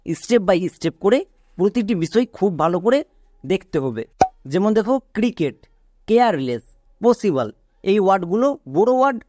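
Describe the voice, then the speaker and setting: A man teaching an English reading lesson, patiently explaining rules step by step and spelling words out slowly letter by letter. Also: sits high, a little mellow, dry recording, clean studio sound. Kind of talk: online phonics lesson.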